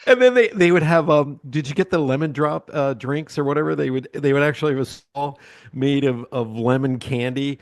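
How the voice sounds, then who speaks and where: A man's voice: mid-range voice, brisk, no echo, studio quality. A man in his sixties from Pennsylvania hosts a casual interview, rambling with lots of ums and uhs. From Pennsylvania, USA. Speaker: podcast host.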